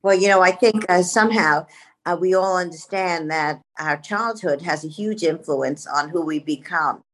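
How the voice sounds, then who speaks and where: A woman's voice: lowish voice, normal speed, low-quality recording. A woman hosting an interview podcast, introducing her guest and asking questions. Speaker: podcast host, media company president.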